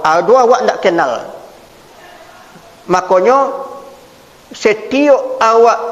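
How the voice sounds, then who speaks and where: A man preaching with a Minangkabau accent, lively and humorous, acting out little dialogues and chuckling. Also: high-pitched, echoey room, long reverb tail, poor audio.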